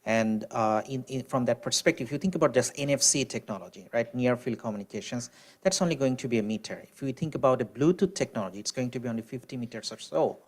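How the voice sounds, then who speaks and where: With a medium-pitched voice, a male panelist works through technical ideas, often breaking off to restart sentences and leaning on "you know" as he pauses.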